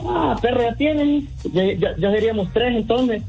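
A man's voice: extremely high pitch, lively intonation, moderate pace, creaky, a little mellow, soft background music. A man from Venezuela, the target of a prank call, confused and defiant and answering back with jokes. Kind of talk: phone conversation.

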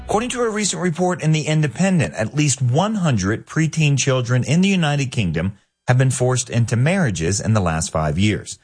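A man hosting a daily radio commentary, measured and pointed, with rhetorical questions. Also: medium pitch, sing-song, a little mellow, husky, soft background music.

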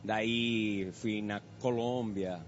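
A Venezuelan man with a Spanish accent giving an earnest, measured church testimony in a radio interview. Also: lowish voice, fairly even intonation. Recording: dull lo-fi radio broadcast.

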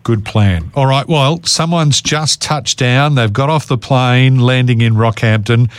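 A man's voice: mid-range voice, a little slow, clean tone, no room sound. A man with an Australian accent hosting a casual interview on the radio. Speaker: radio host.

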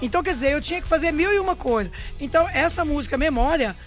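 An older songwriter with a Brazilian Portuguese accent, talkative and animated, her voice sitting high. She chats easily into a studio microphone. Faint music plays underneath her. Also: fast talker. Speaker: songwriter guest. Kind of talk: casual radio interview chat.

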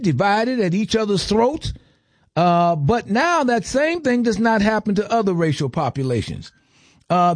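A man's voice: very high voice, no echo, clean studio sound. A man giving an impassioned lecture, stressing lists and asking rhetorical questions.

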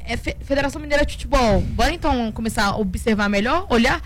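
Jovem comentarista mineira falante. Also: female voice, fairly high pitch, expressive, slight background noise. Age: 20s. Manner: chatty, quick opinions on women's football. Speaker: sports radio co-host. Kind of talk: sports talk.

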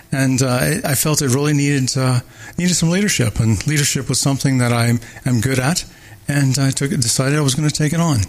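An older man from Barbados, a mayoral candidate, answering interview questions with many pauses, fillers and restarts. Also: mid-range voice.

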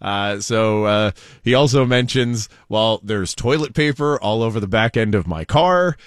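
In a dry, studio-quality recording, a man with a fairly low voice sounds animated yet unhurried. He co-hosts a talk show and spins quirky news items into casual, jokey stories.

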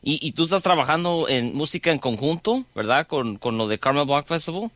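A man hosting a radio interview, friendly and halting, often repeating words. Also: fairly high pitch, animated, fairly bright tone, no room sound. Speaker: radio host.

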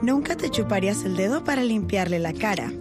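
A woman narrating a public service ad in a calm, earnest scripted read. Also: mid-range voice, fairly quick, over loud music.

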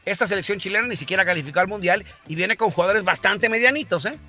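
A man's voice: high voice, fast talker, pushed and bright, highs cut off, soft background music. A man with a Mexican accent hosting a sports talk show, bantering with jokey wordplay.

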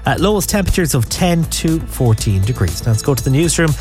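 A man's voice: on the high side, sing-song, brisk, a little mellow, soft background music. A man presenting on radio, reading a scripted weather forecast.

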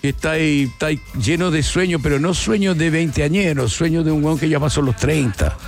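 Reflective Chilean musician, rambling and slangy. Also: male voice, a little high, fairly quick, faint music behind. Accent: Chilean Spanish. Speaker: musician guest. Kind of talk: casual interview storytelling.

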